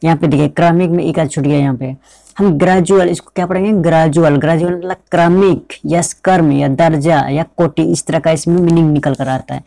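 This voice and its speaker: A male teacher explains pronunciation at a steady, patient pace, spelling words out letter by letter and repeating each one. His voice is gravelly and mellow, and the recording is dry and close. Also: a little high, fairly quick, no room sound. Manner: repeats words and asks the listener rhetorical checks. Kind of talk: classroom-style explanation.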